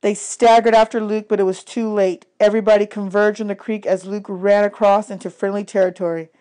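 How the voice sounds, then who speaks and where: With a medium-pitched voice and a fairly quick delivery, this woman performs a children's adventure novel as an expressive audiobook narrator. The narration is scripted and in the first person.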